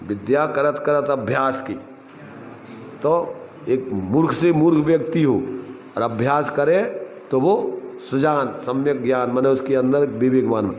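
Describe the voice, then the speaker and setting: A man leads a scripture class and keeps putting questions to his listeners. Now and then he chants a couplet slowly. His voice rings through a large hall with a long echo and faint room noise behind it. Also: mid-range voice, a little mellow. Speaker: religious teacher. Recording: roomy hall with faint ambience.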